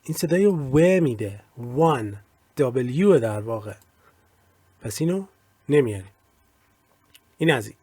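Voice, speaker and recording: A man teaching English grammar in Persian, with slow, careful readings of the English examples. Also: medium pitch, expressive, mellow, breathy edge, dry recording. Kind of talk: recorded lesson explaining grammar.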